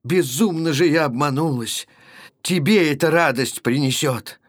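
A man's voice: fairly high pitch, a bit bright, no room sound, clean studio sound. A man voicing a grieving young wife who pleads with passion in a storybook reading. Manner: impassioned, pleading.

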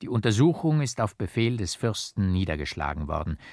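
A man playing a kindly judge announcing news with slow ceremony. The voice is low and dry, as in a close storybook reading. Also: very animated, a little mellow, no room sound. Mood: ceremonious. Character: kindly solemn male judge.

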